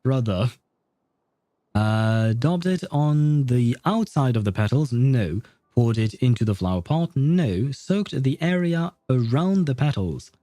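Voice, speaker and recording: Slow and animated, a man with a dark, medium-pitched voice livestreams a video game, rambling in a relaxed, friendly way as he comments and reads out dialogue, chuckling often. There's no echo.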